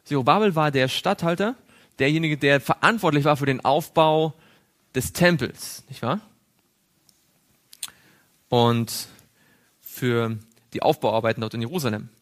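A man's voice: mid-range voice, measured pace, pauses often, a bit bright. A man teaching a Bible study to a group, drawing on a board as he goes, asking questions and chuckling now and then. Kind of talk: interactive Bible study lesson.

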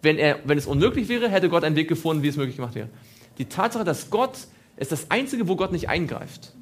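A man's voice: fairly high pitch, sing-song, fast, slightly rough. A man preaching a sermon, asking his listeners questions and repeating phrases for emphasis.

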